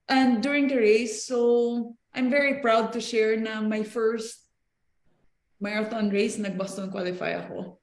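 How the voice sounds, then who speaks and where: Woman, middle-aged, Filipino accent, fairly high voice, animated storyteller, echoey room. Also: unhurried. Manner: animated, switches between Tagalog and English mid-sentence. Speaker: interview guest, marathon runner. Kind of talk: casual storytelling interview.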